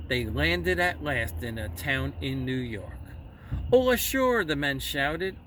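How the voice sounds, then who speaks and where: Reading a children's book aloud, a male storyteller uses a slow, theatrical delivery with wide swings in pitch and emphatic, deliberate phrasing. His voice is a bit bright. The audio sounds slightly distant, with faint background noise.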